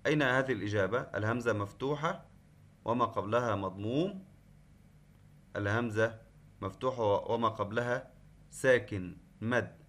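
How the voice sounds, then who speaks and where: A man's voice: medium pitch, moderate pace, pauses often, a bit bright. A man teaching an online class lesson, patient, explaining step by step and repeating key points. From Qatar. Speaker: Arabic teacher.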